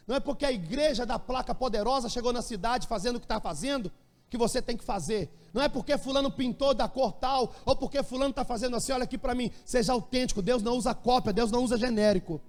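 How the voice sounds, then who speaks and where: A Brazilian man preaching in a church, with a strikingly high voice for a man. His sermon is animated and full of humorous stories. The sound carries a long hall reverb. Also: fast talker. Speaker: pastor.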